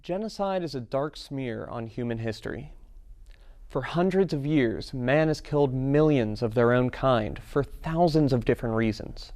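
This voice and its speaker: A man reading scripted documentary narration in a measured, dramatic voice-over style. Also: mid-range voice, animated, a little mellow, no echo, studio quality. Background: music.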